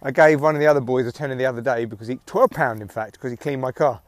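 Speaking fast with a medium-pitched voice and no room sound, a British podcast host and comedian in middle age chats casually on an evening walk outdoors. It's a rambling solo audio diary, wry and sweary, picked up by headphones near his neck.

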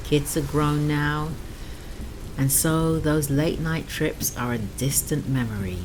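Very low, slow, sultry woman's sleep narration. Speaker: host of a sleep story series. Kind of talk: slow sleep-story narration with guided breathing. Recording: clear rain noise behind the voice. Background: steady rain.

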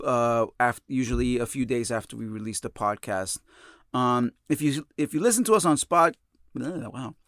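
A man's voice: medium pitch, a bit bright, dry recording, studio quality. Rambling young man hosting a podcast. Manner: rambling, filler-heavy. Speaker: podcast co-host. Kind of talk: casual chat.

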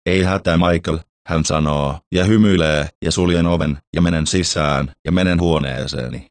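Deep-voiced man narrating horror stories. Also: dry recording.

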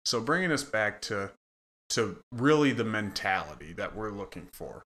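Bright-voiced man coaching earnestly. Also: lowish voice, animated, normal speed. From Michigan. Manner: earnest, instructive. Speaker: offensive line coach, podcast co-host. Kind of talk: casual podcast chat.

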